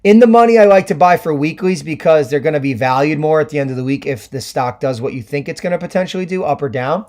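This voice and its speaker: Hoarse man explaining trades on a livestream. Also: on the high side, animated, fast, darkish tone. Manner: chatty, many ums and restarts, explanatory. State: hoarse from screaming at games. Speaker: livestream trading host. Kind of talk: casual Q&A livestream, answering chat.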